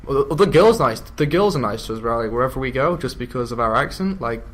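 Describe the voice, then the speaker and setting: A man's voice: medium pitch, lively intonation, fast talker, fairly bright tone, a little hiss or hum. A young man with an English accent, a gamer chatting casually, rambling and laughing as he talks. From England. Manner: chatty, drifts into mock voices and laughs. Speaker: YouTube gamer. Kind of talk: casual chat.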